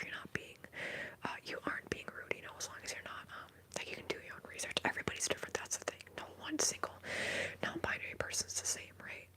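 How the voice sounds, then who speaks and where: A woman whispering softly and breathily as she hosts an ASMR livestream, chatting in a candid, informal, rambling way. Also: low-quality recording. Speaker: livestream host.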